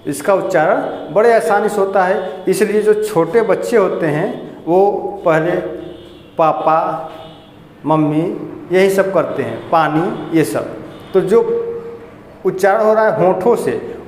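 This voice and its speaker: A man with a high-pitched voice gives a Hindi grammar lesson in a classroom. He explains step by step, asking questions and answering them himself. The room is echoey with a long reverb, and a faint hum sits underneath. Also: takes it slowly, darkish tone. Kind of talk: classroom lecture.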